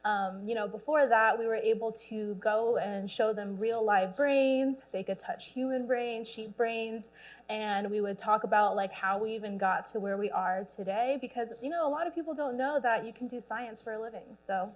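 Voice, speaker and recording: A woman's voice: on the high side, steady tone, moderate pace. A young woman, a graduate student, answering interview questions in an enthusiastic, chatty way with frequent laughter.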